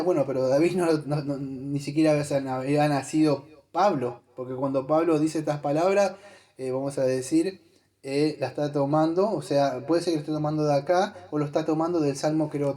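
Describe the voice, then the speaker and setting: In a church, a male pastor delivers a conversational sermon, addressing his congregation directly and thinking out loud as he searches for Bible verses. His voice is mellow and a little high.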